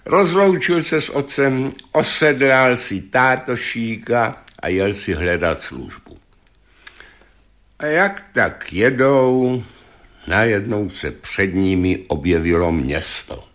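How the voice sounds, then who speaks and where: A man's voice: mid-range voice, animated, fairly bright tone. Man reading a fairy tale aloud. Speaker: storyteller.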